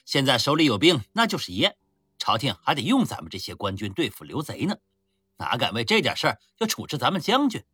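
A man's voice: mid-range voice, wildly swooping pitch, a little fast, bright, forceful tone, breathy edge, no room sound, studio quality, exaggerated voice. A man voicing a cocky, dismissive soldier who scoffs offhandedly. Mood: scoffing. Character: cocky dismissive male bodyguard.

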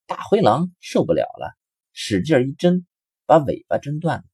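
A man reading a children's story aloud in an expressive storyteller manner. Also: mid-range voice, moderate pace, breathy edge, dry recording, studio quality. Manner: expressive, rising and falling storyteller delivery.

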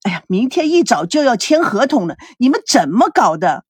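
A harried young manager, exasperated and sighing, voiced by a woman who lowers her tone for him. The voice stays breathy and lively, recorded dry and close. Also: normal speed, dry recording.

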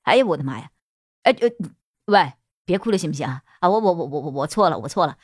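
A woman puts on a shop boss for an audio story, dropping to a lower voice that soothes and coaxes. He sounds gruff on the surface but patient and gentle. The sound is dry and close. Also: animated, fast talker, dry recording. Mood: flustered.

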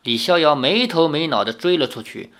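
A reader narrating a novel aloud in an expressive way. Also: mid-range voice, fairly quick. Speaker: story reader.

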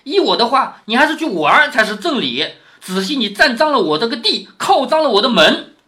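A man's voice: very high-pitched, big pitch swings, a little fast, pushed and bright, voice pushed up, full character voice. A man reading out a sneering stern father. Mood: scornful. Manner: cold, scornful scolding.

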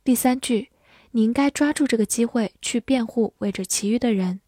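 A woman reading out a scripted English vocabulary lesson, repeating each word slowly and then giving its part of speech and meanings. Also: on the high side, mellow, no room sound, studio quality. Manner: slow, deliberate word-by-word drilling.

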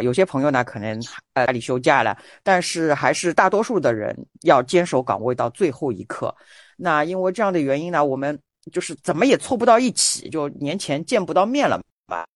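A woman's voice: sits low, dry recording. A woman hosts a casual group talk show, explaining things in a conversational way. The recording is dry, with very little room around the voice. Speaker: podcast host.

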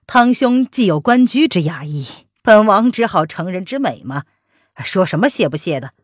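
A woman voicing a smooth, scheming young man who laughs and coaxes in a wheedling tone. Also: medium pitch, animated, normal speed, dry recording, clean studio sound, close to an everyday voice. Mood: smug. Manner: chuckling, wheedling, sighing.

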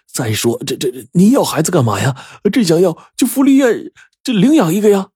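Man doing a scared dad, raised pitch, stammering, dry close sound. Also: sing-song, normal speed, warm tone, husky, no room sound, full character voice. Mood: pleading. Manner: stammering, pleading. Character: scared, groveling middle-aged father.

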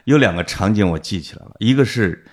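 Low, lively man reacting in chat. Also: fast. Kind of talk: casual podcast chat.

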